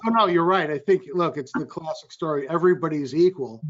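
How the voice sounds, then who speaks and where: Brisk, energetic investor man on a panel. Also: on the high side, lo-fi sound. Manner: energetic, quick, self-interrupting. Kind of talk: panel discussion. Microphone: video call.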